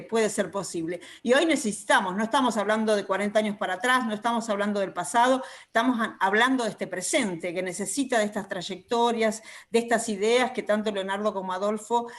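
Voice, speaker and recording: A woman from a human rights commission, speaking fervently with repeated phrases. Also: mid-range voice. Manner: fervent, repetitive rhetoric. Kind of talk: speech.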